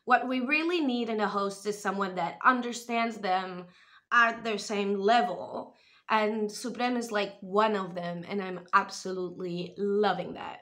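Speaking at a measured pace in a medium-pitched voice, this vlogger offers chatty commentary on a TV show. She's a young Spanish woman raised in the US, filming indoors in a small home room with the camera or webcam right in front of her, and she talks with lively expression and plenty of gestures.

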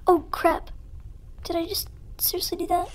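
This gaming video creator's high-pitched, youthful voice is modified with voice effects. At a normal speed and with flat delivery, he gives casual, dramatic gameplay commentary and playfully puts himself down.

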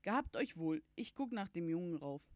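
A woman's voice: lowish voice, big pitch swings, moderate pace, a little mellow, no room sound. A woman voicing a cheeky, jovial middle-aged uncle who is a pharmacist, teasing and exclaiming in a read-aloud storybook. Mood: cheerful teasing.

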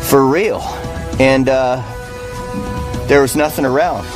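A man with an American accent and a medium-pitched voice speaks informally in a documentary interview. Music is clearly heard behind him. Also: steady tone, takes it slowly. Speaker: expedition diver.

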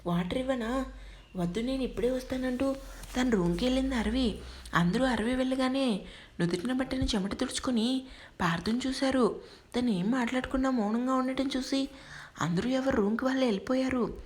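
Woman narrating a story, fairly high voice. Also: a little fast. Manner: steady storytelling.

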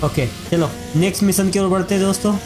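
Chatty high-voiced man narrating gameplay. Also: fairly even intonation, quick pace, over music. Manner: chatty, addresses viewers as friends. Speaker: gaming YouTuber. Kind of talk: casual let's-play commentary.

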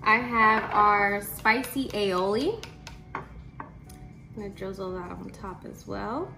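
A woman hosting a casual home cooking vlog, chatty and excited, tasting and explaining as she goes. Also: mid-range voice, slow pace, creaky. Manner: excited, chatty, lots of mm sounds. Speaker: cooking channel host. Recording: roomy room with background music.

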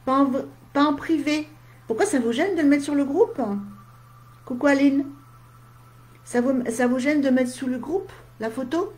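A woman speaks casually to her live-stream audience, replying to their comments in short, chatty asides. She sounds tired, and a slight head cold leaves her voice faintly husky and dry. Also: high voice, moderate pace, darkish tone. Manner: chatty, talks straight to viewers in short asides. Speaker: medium.

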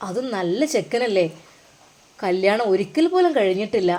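A woman's voice: medium pitch, expressive, normal speed, darkish tone. A woman narrating a tale emotively and dramatically. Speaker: storyteller.

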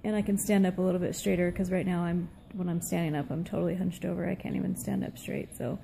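A middle-aged woman giving a casual update to camera, sounding tired, subdued and weak after surgery, with a gravelly, low-energy voice. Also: steady tone, fast talker, mellow, slight background noise. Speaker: vlogger. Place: small room at home, seated indoors. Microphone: phone at arm's length.

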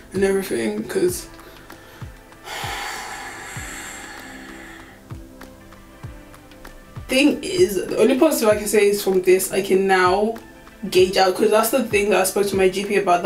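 A woman's voice: medium pitch, darkish tone, echoey room, rough recording. A woman of twenty-four, chatting candidly to camera with many fillers and frequent laughs. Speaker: vlogger. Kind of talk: casual chat to camera. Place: small room indoors. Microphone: camera on tripod.

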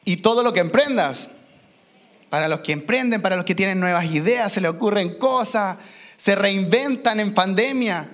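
High-voiced pastor preaching. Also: male voice, fairly bright tone. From Chile. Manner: emphatic, slows down for key phrases, mimics children. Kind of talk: sermon. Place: church.

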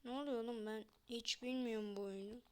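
A woman's voice: fairly high pitch, steady tone, brisk, darkish tone, clean tone. A young woman chatting casually to viewers while she plays a game, muttering to herself between lines. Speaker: gamer vlogger. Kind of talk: casual gameplay commentary.

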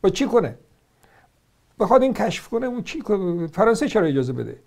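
A man's voice: high voice, big pitch swings, gravelly, darkish tone. A man with an Iranian Persian accent giving argumentative religious commentary, sarcastic and combative, firing off rhetorical questions as he rebuts points one by one.

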